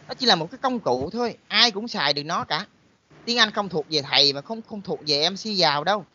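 A man's voice: high voice, sharp tone, highs cut off. A man with a Southern Vietnamese accent, a college teacher giving a motivational talk to students and constantly throwing in rhetorical questions. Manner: emphatic, full of rhetorical questions.

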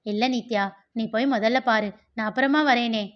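A woman voicing an agitated, sharp-tongued sister-in-law who questions indignantly. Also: on the high side, fairly even intonation, normal speed, natural voice. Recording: dull lo-fi recording.

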